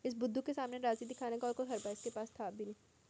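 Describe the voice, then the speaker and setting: A woman narrating a novel as an audiobook reader, in a steady storytelling manner. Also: fairly high pitch.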